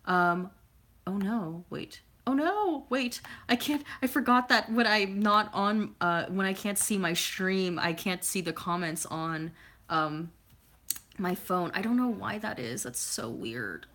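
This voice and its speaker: A woman's voice: medium pitch, lively intonation, slow, a bit bright. A woman in her twenties chatting at home on a livestream, reading comments in a rambling way, with lots of fillers and silly sound effects. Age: 20s. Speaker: YouTuber reading live chat. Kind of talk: casual livestream chat.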